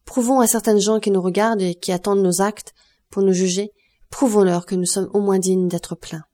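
A grieving noble mother, resigned and dignified, speaking softly and with sorrow, as a woman reads her. Her voice is mellow and warm. It belongs to a spoken audiobook. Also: mid-range voice, fairly even intonation, normal speed, close to an everyday voice. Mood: sorrowful. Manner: soft, sorrowful, quiet. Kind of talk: audiobook character reading.

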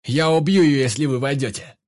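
A man voicing a brash, cornered male fugitive who talks roughly and mockingly. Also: fairly low pitch, moderate pace, close to an everyday voice. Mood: rough angry.

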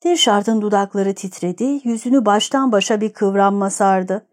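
Female audiobook narrator, steady and even, warm mellow tone. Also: medium pitch, normal speed. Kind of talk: scripted narration of a novel.

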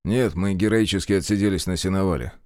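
A man's voice: low voice, fast talker, a little mellow, no room sound, lightly acted. A man voicing a weary male officer with a dry, understated, wry way of talking.

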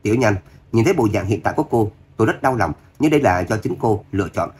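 Slick, smarmy young man, read by a male narrator; low, husky, fast. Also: expressive, a little mellow.

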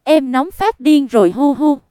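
A woman's voice: sits high, animated, measured pace, mellow, dry recording, studio quality. A woman reading a flustered young servant girl. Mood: whiny. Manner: complaining, childish.

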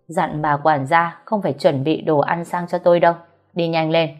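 Audiobook figure: a cold, curt young master of the house, read by a woman in a lowered, clipped voice. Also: steady tone, moderate pace, a little mellow, natural voice. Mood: cold commanding. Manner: curt and commanding.

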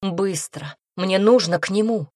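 A woman's voice: medium pitch, unhurried, a little mellow, no room sound, studio quality, close to an everyday voice. A woman voicing an outspoken young heroine. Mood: urgent. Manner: emphatic, exclaiming.

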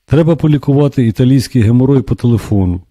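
A man's voice: mid-range voice, quick pace, dark tone, dry recording, pitched above the performer's own voice, lightly acted. A man voicing a timid, embarrassed woman around thirty in an audiobook. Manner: hesitant.

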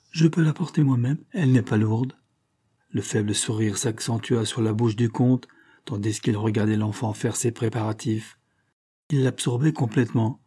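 Mellow, husky male audiobook narrator. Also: fairly low pitch.

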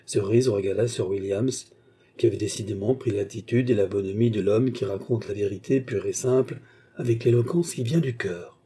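A man narrating a classic novel as an audiobook, in a measured, literary reading. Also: lowish voice, mellow, breathy edge.

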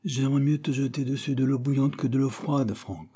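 A man voicing a lively, teasing young man in an audiobook. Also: mid-range voice, fairly quick, breathy edge, voice pushed up, close to an everyday voice. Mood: amused.

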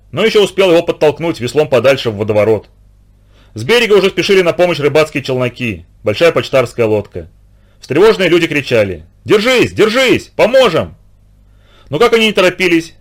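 A man reading a story aloud in a steady, expressive audiobook narration. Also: mid-range voice.

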